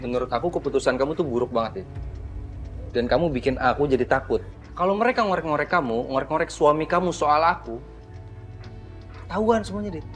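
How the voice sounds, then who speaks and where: An actor in a TV soap playing a husband who speaks in a worried, hushed, reassuring way. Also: male voice, fairly high pitch, lively intonation, brisk, long pauses, soft background music.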